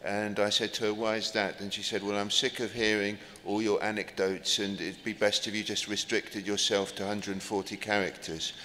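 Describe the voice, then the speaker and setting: A middle-aged man moderating a conference panel, speaking haltingly with ums, into a table mic in a large hall. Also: lowish voice, flat delivery, sharp tone. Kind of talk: conference closing remarks. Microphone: table microphone. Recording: reverberant hall, faint noise.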